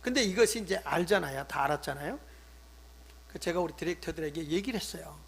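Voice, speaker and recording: An older man, a pastor, preaching a sermon, swinging between loud emphatic stresses and hushed asides. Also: fairly high pitch, animated, quick pace, creaky, breathy edge. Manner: acts out scolding quotes in conversational tone.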